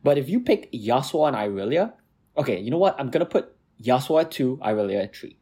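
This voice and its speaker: A man with a husky, slightly rough voice, chatting casually on a gaming podcast. He gets excitable and worked up, and his pitch swings widely as he rants. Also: brisk. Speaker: podcast co-host, jungle player.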